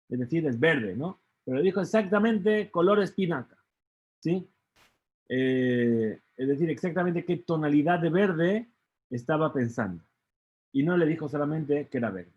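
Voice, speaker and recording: Slow, husky man teaching a Talmud lesson. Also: fairly high pitch, expressive, darkish tone. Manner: checks in with "¿sí?" and hesitant fillers. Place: study hall. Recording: dull lo-fi recording.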